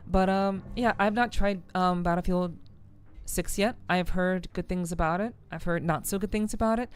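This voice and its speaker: A woman chatting casually on a livestream in a friendly, welcoming way, her throat a little rough. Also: fairly low pitch, normal speed. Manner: friendly, chatty, gushing thanks and greetings. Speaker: streamer. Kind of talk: casual livestream chat, greeting viewers.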